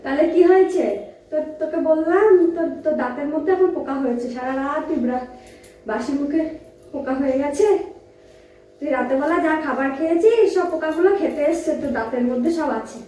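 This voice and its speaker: A woman's voice: high voice, a little fast, warm tone. A woman, a mother, casually coaxing and teasing her daughter to get up, repeating her urgings again and again. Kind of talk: casual home talk to a child. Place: home bedroom, indoors. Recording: echoey room, voice from far off, faint noise.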